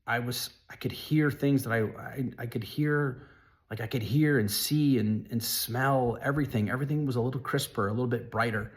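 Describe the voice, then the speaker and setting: Man, personal storytelling, earnest, halting, frequent restarts, average pitch.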